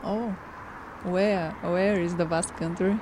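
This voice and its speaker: A woman learning English, with a Bulgarian accent, speaks haltingly in a practice conversation. Her voice is fairly low and she takes her time between simple phrases. There is faint background noise. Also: fairly even intonation. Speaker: English course student. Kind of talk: practice dialogue in a language class.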